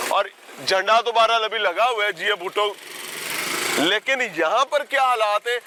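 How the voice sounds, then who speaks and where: Walking and talking outdoors at a hospital and a park, a man reports on location as an investigative host, theatrical and sarcastic, addressing a politician who isn't there. His voice sits high and sounds pushed and bright, with a little hiss or hum in the audio.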